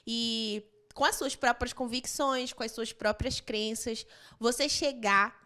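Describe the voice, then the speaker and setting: A woman's voice: on the high side, fairly even intonation, takes it slowly, sharp tone. A woman hosting a church podcast, reflecting at length on what her guest has shared. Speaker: podcast host. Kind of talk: podcast conversation.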